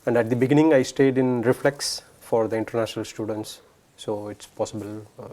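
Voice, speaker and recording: A man's voice: medium pitch, a little fast, warm tone. A young man from south India, a PhD student speaking hesitantly with many fillers in a casual roundtable discussion.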